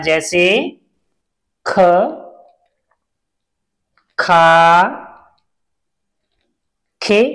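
A man teaching Hindi letters, reciting each syllable slowly and clearly as a classroom drill. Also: sits high. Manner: drawn-out syllable-by-syllable pronunciation drills.

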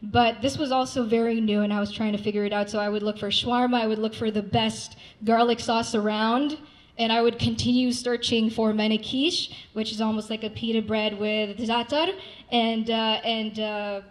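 A young woman from Saudi Arabia, speaking casually at a live event to introduce a song, relaxed, with fillers and restarts. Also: fairly high pitch, normal speed, low-quality recording. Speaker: singer-songwriter introducing a song. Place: dim rooftop event room with city windows. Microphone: handheld mic, filmed by a far camera.

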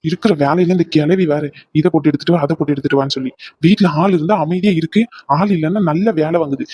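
An overworked household maid who grumbles quietly about her endless chores, voiced by a cartoon performer. Her voice is low and muttering. The recording is dry and close. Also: fast, breathy edge, dry recording, natural voice. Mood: grumbling. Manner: mutters complaints under her breath. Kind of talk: cartoon voice acting.

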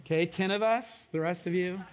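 A man preaching a sermon from a church stage. He speaks in an informal, earnest way, uses a high, youthful surfer-kid voice, and often says "like" and "um". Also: brisk, a little hiss or hum. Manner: informal and earnest, acts out his own prayers. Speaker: pastor. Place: church sanctuary.

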